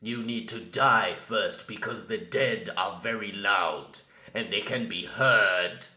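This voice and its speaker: A menacing male Death, a grandiose villain who taunts mortals. The delivery is extremely slow, with a very forceful, sharp edge. It sounds theatrical, in a roomy, echoing space. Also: on the low side. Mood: taunting, contemptuous. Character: Death, menacing male soul-eating entity sneering at mortals.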